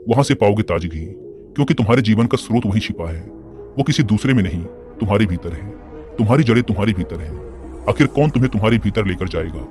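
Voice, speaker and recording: A man voicing a calm, wise older spiritual teacher, speaking in a slow, measured preaching tone. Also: lowish voice, close to an everyday voice. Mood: serene. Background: music.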